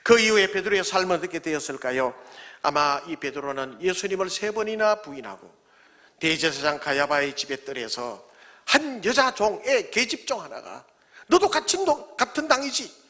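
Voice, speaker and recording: Pastor, male, high and very lively voice, dramatic sermon delivery. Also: moderate pace. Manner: dramatic, acts out quoted voices, swings from loud to hushed.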